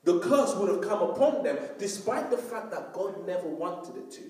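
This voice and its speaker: Echoey preaching man, high voice. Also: expressive, normal speed, dark tone. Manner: emphatic preaching, often asking the congregation "Do you understand?". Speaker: pastor. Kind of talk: sermon. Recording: very echoey room, voice from far off.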